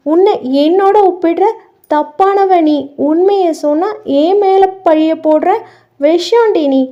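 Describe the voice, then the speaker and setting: A woman voicing a harsh, contemptuous young husband who speaks with loud, cutting anger, on muffled lo-fi audio. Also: very high-pitched.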